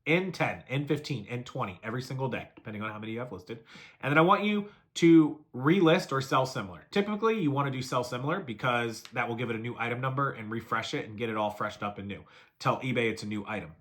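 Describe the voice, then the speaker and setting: Brief: man in mid pitch, rapid-fire coaching delivery, casual how-to video host. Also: fairly bright tone. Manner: brisk, coaching, lists steps and repeats them. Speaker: reseller giving selling tips. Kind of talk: fast casual how-to talk to camera.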